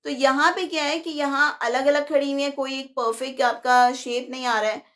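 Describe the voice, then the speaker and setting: A woman's voice: high-pitched, flat delivery, moderate pace, fairly bright tone. A young woman teaching a live online lesson, explaining step by step and mixing Hindi-Urdu with English.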